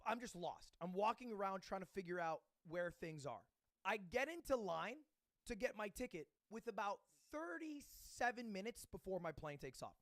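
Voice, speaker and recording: A man's voice: sits high, no room sound, clean studio sound. A man streaming, casually telling a self-mocking story to his chat and acting out the other people in it. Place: home streaming setup.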